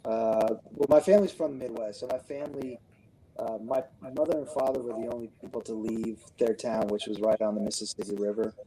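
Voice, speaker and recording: A man from Connecticut telling his story as a podcast guest in a relaxed, rambling way. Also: lowish voice, husky, low-quality recording. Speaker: guest, business owner. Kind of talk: casual interview chat.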